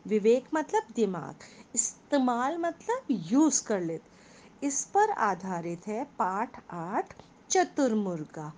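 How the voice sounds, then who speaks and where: A woman's voice: medium pitch, big pitch swings, takes it slowly, a little mellow, a little hiss or hum. A woman teacher telling a story to children as a lesson, explaining words and asking the class questions.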